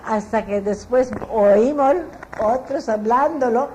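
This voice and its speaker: A woman's voice: a little high, takes it slowly, a little mellow, slight background noise, rough recording. An older woman from the Philippines with a Filipino Spanish accent, being interviewed and telling family memories in a chatty, meandering way with frequent laughs at herself. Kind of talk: relaxed storytelling recollection.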